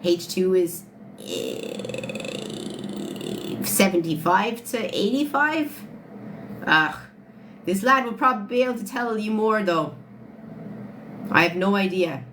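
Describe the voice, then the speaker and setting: This Irish-accented woman, late twenties, speaks at a medium pitch, expressively and slowly, pausing often. She's answering chat questions on a casual phone livestream, blunt and swearing freely, with background noise audible.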